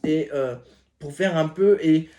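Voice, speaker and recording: A man's voice: fairly high pitch, slow, warm tone. A man hosting his tarot channel, chatting casually as he unboxes a deck, hesitant with many filler sounds and apologetic asides.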